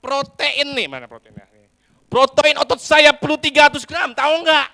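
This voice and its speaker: A man voicing a demanding young husband, proud of his muscles, asking loud indignant questions. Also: sits high, big pitch swings, moderate pace, heavily acted.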